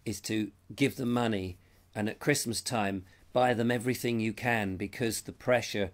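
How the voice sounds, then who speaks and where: This is a middle-aged English host on a live stream, rambling in a chatty way while reading comments from his audience. Suffering from a cold, he's losing his voice, which is lowish and steady at a normal speed. The sound comes through a lapel mic.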